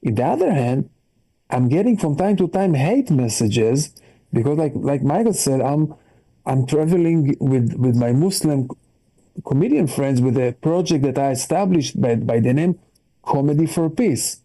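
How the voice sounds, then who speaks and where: A man with an Israeli accent doing a stand-up set over a video call, animated, in broken English phrasing, with punchlines that leap up in pitch. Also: moderate pace. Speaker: stand-up comedian.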